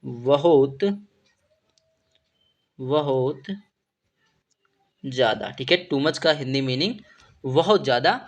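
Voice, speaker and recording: A man in a steady, mid-pitched voice teaches English vocabulary. He spells every word slowly, one letter at a time, and then repeats each meaning over and over in a patient classroom way. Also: breathy edge. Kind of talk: spoken vocabulary lesson.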